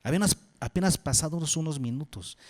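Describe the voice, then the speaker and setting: A man preaching as pastor, asking questions and answering them himself, dropping low and soft on key phrases. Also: brisk. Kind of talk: sermon. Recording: long hall reverb.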